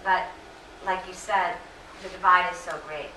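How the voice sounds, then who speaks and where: Slightly hoarse middle-aged woman, bright lower voice, lecture guest recorded from across an echoey room. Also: steady tone, measured pace, slight background noise. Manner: earnest, many fillers and self-corrections. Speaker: invited lecture speaker. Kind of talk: lecture Q&A answers. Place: lecture hall. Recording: echoey room, distant mic.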